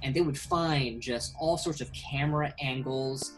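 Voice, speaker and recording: A man in his thirties from Indonesia, an animated filmmaker hosting a casual video-call interview from a small bedroom, talking with many fillers. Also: medium pitch, unhurried, soft background music, poor audio. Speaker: filmmaker and host. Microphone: webcam video call.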